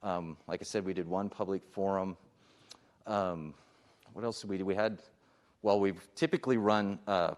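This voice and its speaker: Man, police chief, deep voice, conversational forum talk, lots of fillers. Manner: conversational, many fillers and restarts. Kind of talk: public forum presentation.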